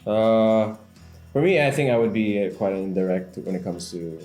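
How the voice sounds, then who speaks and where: A man's voice: lowish voice, expressive, normal speed, darkish tone, faint music behind. A man in his twenties from the Philippines, a native Tagalog speaker, talking thoughtfully and hesitantly as a guest. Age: 20s. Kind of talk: casual discussion.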